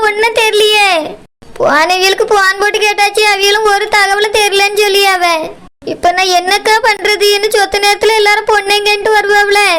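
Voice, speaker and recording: In a village cartoon, a heartbroken mother played by a woman sobs and pleads in a Kanyakumari Tamil accent. Her voice sits very high, squeaky and cartoonish. Every line comes out tearful and desperate. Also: sharp tone. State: crying. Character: distraught village mother of a missing bride. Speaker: cartoon character. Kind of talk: animated cartoon voice acting.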